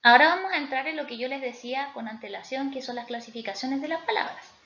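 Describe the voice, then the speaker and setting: A woman teacher explaining spelling rules in a recorded lesson, often pausing to check in with her students. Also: sits high, a bit bright. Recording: echoey room, slightly dull sound.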